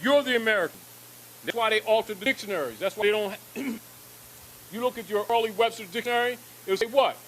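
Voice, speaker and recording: A man's voice: sits high, a little fast, fairly bright tone, slight background noise, poor audio. A man giving an emphatic lecture to an audience, repeating points and asking rhetorical questions.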